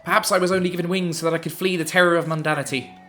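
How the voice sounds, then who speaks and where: A brooding gothic crow from a video game, read aloud by a man, reciting its woes with melodramatic weight. The tone is clear and bright. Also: a little high, steady tone, racing, faint music behind, pitched above the performer's own voice, close to an everyday voice.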